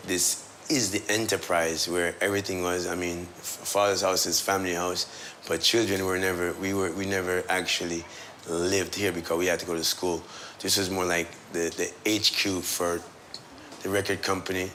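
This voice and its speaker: A middle-aged Jamaican man telling relaxed stories, laughing often and trailing off as he talks. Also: deep voice, moderate pace, a little hiss or hum. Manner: laid-back, laughs often, trails off and restarts. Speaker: son of the musician, tour guide. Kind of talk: relaxed storytelling.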